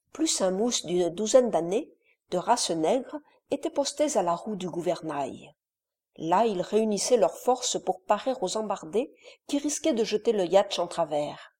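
A woman reading a classic adventure novel aloud in a measured, dramatic storytelling manner. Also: medium pitch, warm tone, husky. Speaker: audiobook narrator.

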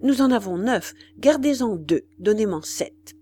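A woman voicing a resolute young male commander giving brisk, decisive orders for an audiobook. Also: mid-range voice, expressive, dark tone. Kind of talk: audiobook character voice.

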